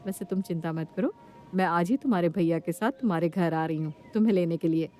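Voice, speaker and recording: A woman's voice: lowish voice, fast, a little mellow, faint music behind, natural voice. A woman voicing a caring, protective young sister-in-law in a cartoon story, speaking in a firm way. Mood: reassuring.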